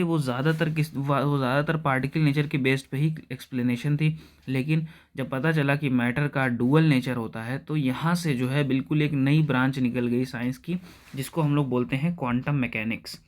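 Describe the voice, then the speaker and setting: A man with an Indian accent teaching a chemistry class. He explains step by step, keeps checking in with his students, and slows down to dictate equations. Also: medium pitch. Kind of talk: classroom lecture.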